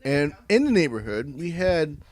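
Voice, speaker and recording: A man's voice: fairly high pitch, sing-song, normal speed, a little mellow. An American man telling a casual, rambling story to friends while drunk, swearing and repeating himself as he goes. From Indiana, United States.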